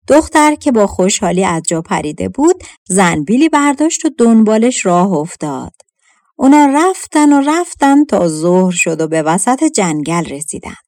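Expressive woman narrating a folktale. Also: medium pitch, dry recording, clean studio sound. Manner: measured, expressive. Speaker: audiobook narrator. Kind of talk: scripted storybook narration.

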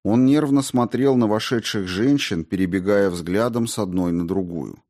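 A man narrating a fantasy audiobook in a steady, expressive storytelling manner. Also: on the low side, moderate pace. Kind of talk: scripted narration.

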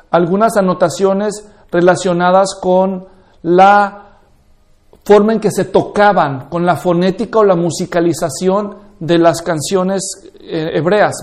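A man with a notably high-pitched voice lectures on Bible interpretation. He explains patiently, point by point, and keeps pausing to make sure his students understand. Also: a little mellow. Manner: explanatory, often checks that listeners follow. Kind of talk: classroom lecture.

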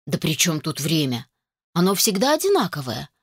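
A woman's voice: deep voice, very animated, moderate pace, breathy edge, dry recording, studio quality, heavily acted. Woman voicing a nagging mother. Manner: nagging, insistent. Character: fussy middle-aged mother, pushy and doting. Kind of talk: audiobook character voice.

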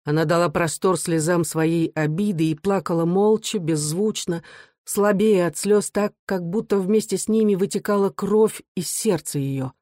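An audiobook narrator reading literary prose in a measured, expressive way. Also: medium pitch, no room sound, clean studio sound.

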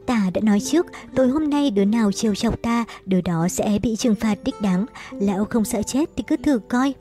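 A woman's voice: mid-range voice, moderate pace, dark tone, soft background music, natural voice. A woman voicing a cruel, arrogant young male bandit boss who taunts and threatens. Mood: gloating. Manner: gloating, threatening.

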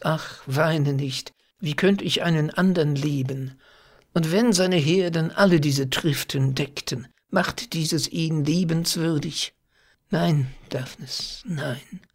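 Guy reading as a young shepherdess, tearful and pleading, gravelly and husky, slow. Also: on the high side, fairly even intonation, exaggerated voice. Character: grieving young shepherdess torn by duty.

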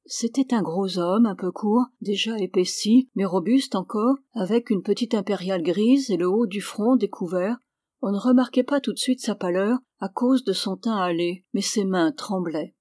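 Brief: female audiobook narrator, measured and clear, mid-pitched voice, dry close recording. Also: mellow, dry recording. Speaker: audiobook reader.

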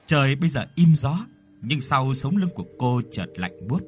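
A man narrating a ghost story in an expressive, dramatic storytelling manner. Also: mid-range voice, normal speed, husky. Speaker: audiobook narrator.

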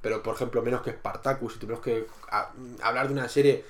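A man's voice: medium pitch, fairly even intonation, fast talker, fairly bright tone. Rambling Spanish man in casual chat. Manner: rambling, many restarts and repeated words; acts out characters' lines in quotes. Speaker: podcast co-host reviewing a TV series.

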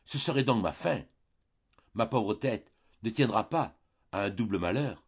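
A frantic old father, put on by a male reader, pleads with his daughters, his husky voice straining upward. It sounds like a dull home-recorded audiobook. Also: expressive, measured pace, full character voice. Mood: anguished. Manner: pleading, breaking into higher pitch.

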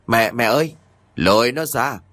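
A man's voice: mid-range voice, expressive, a little slow, fairly bright tone, no echo. A man voicing a frightened young noblewoman who pleads tearfully with her mother-in-law. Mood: desperate pleading.

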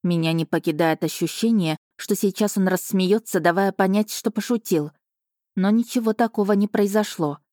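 A woman reading a first-person novel aloud in an even, measured storytelling manner. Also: mid-range voice, dry recording, studio quality. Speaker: audiobook narrator.

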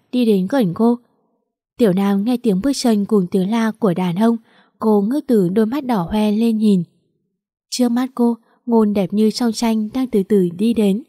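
A woman narrates a romance story in a steady, expressive way. Her voice is dark and mellow at a middle pitch. The recording is dry and close. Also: dry recording.

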